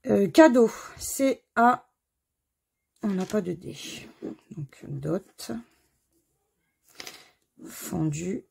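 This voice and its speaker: Middle-aged woman host, unhurried and husky, chatty self-mocking scratch-card commentary at home. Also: medium pitch, animated, darkish tone. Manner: chatty, self-mocking, spelling letters aloud. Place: home corner under renovation.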